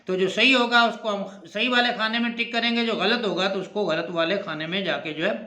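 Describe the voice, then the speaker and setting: A man with a Pakistani Urdu accent, teaching an exam-prep lesson and going slowly and deliberately through the answers, repeating words for his students. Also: high voice, steady tone, sharp tone, roomy sound.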